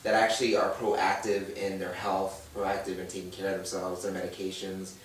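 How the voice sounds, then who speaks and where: Here a man with a low, monotone voice speaks at a normal pace as a guest on a brunch panel chat show. He earnestly relates his story and mimics what others told him, heard through a distant mic in an echoey room with slight background noise.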